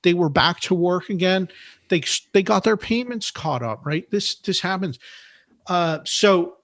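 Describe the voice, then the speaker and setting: A man speaks as a podcast guest, his voice sitting a little high. He explains things in a measured, patient way, repeating words as he gathers his thoughts. The sound is dry and close. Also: expressive, fairly bright tone, dry recording. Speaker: podcast guest, note investor. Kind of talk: interview conversation.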